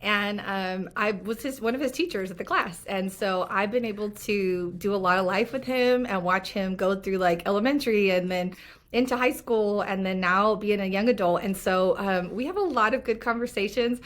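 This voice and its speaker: Speaking at normal speed with a medium-pitched voice, a faith podcast host keeps the chat with her guest casual, upbeat and teasing. She is an adult who formerly led children's ministry.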